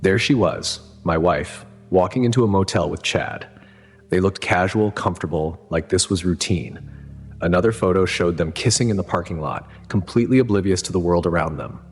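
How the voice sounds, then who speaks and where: Very deep-voiced man narrating gravely. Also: moderate pace, a little hiss or hum. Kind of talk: scripted first-person story narration. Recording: reverberant hall sound with faint music.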